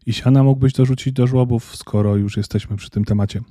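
A man's voice: medium pitch, steady tone, fairly quick, dry recording, clean studio sound, close to an everyday voice. A man voicing a blunt, kindly reindeer. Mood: gentle. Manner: plain-spoken, gentle. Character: blunt but gentle male reindeer.

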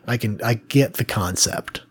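A man's voice: medium pitch, unhurried, breathy edge, no room sound. A man co-hosting a podcast in casual chat, rambling and hedging as he talks things through. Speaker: podcast co-host.

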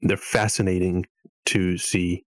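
Low, flat-voiced man musing. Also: slow pace, no room sound, low-quality recording. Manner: hesitant, meandering. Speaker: podcast guest. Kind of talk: casual podcast chat.

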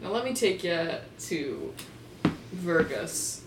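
Lower-voiced young woman in an echoey room. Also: sing-song, takes it slowly. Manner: joking, laid-back storytelling. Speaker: podcast co-host. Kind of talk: casual chat, telling a legend. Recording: echoey, distant mic with hiss.

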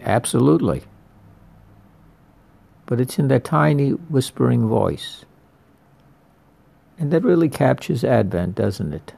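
Slow, gravelly-voiced male preacher. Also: mid-range voice, darkish tone. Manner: slow, deliberate preaching with repeated phrases. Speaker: priest. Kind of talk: sermon.

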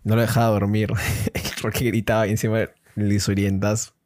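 A man's voice: fairly low pitch, little pitch movement, a little fast, a little mellow, dry recording, studio quality. A young man, co-hosting a casual podcast, easygoing and full of slang. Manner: easygoing, enthusiastic, uses slang. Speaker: podcast co-host. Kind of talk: casual chat.

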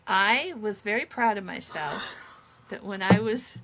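A woman's voice: medium pitch, unhurried, heavy background noise. A middle-aged woman co-hosting a podcast, telling meandering, self-deprecating stories in casual chat. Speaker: podcast co-host.

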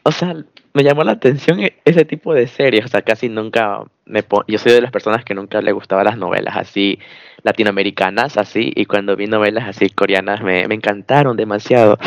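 Young Ecuadorian guy, low voice, dry close sound, laid-back interviewee. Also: normal speed, creaky, dry recording. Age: 20s. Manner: relaxed, agreeable, many short "ujú" acknowledgements. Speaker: guest. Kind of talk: casual interview answers.

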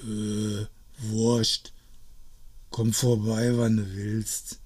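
A man's voice: lowish voice, flat delivery, extremely slow, darkish tone. A man voicing an awkward, clueless young man in a storybook, hesitant and flustered. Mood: unsure.

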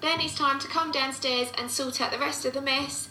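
A woman with an Essex accent, narrating her family vlog in a soft, relaxing way. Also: sits high, fairly even intonation, normal speed, slight background noise, low-quality recording. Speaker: family vlogger.

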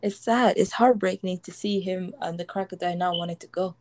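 A woman listening in a casual chat, mostly answering with short exclamations and quick questions. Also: lowish voice, steady tone, a little mellow, no echo.

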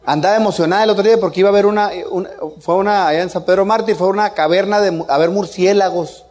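A man's voice: high-pitched, fairly even intonation, fast, a little mellow. A middle-aged man with a Mexican accent telling a casual family anecdote, joking and chuckling as he goes. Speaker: father telling a story.

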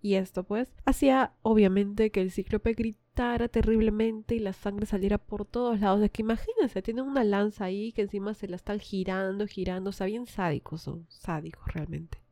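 A woman's voice: medium pitch, moderate pace, few pauses, mellow, no room sound. A woman retelling a myth in a casual, chatty way, with asides to her listeners. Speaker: storyteller.

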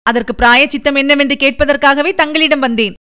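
A woman's voice: sits high, steady tone, brisk, bright, forceful tone. A woman reading the part of a grief-stricken young noblewoman in an audiobook, pleading and tearful.

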